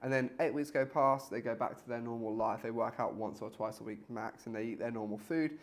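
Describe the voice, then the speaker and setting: A man's voice: mid-range voice, brisk. A man co-hosting a fitness podcast in a casual, talkative chat that sometimes speeds up and includes casual swearing. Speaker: podcast co-host, fitness trainer.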